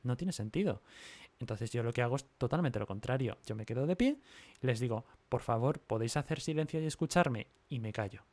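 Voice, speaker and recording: Calm male teacher, dry sound. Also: mid-range voice, a little fast, no room sound. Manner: calm, reasoned explaining with animated quoted voices. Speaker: primary school teacher. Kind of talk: livestream conversation.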